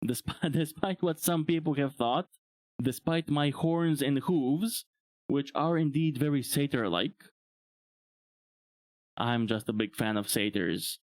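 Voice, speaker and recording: Chuckling often as he rambles, a young native Bulgarian speaker from Bulgaria chats casually during a live stream as a VTuber. He speaks slowly at a medium pitch, and the recording is dry.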